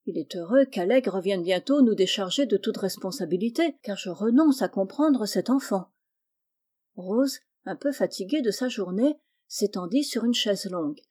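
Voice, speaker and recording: A woman reading a classic children's novel aloud, narrating calmly and lifting her voice for the children's lines. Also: mid-range voice. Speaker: audiobook reader. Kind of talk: storybook narration.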